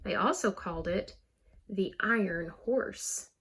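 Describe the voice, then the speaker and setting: A woman's voice: medium pitch, takes it slowly, creaky, fairly bright tone, slightly rough. A woman teacher giving a recorded poetry lesson, explaining carefully and stressing words to show rhythm.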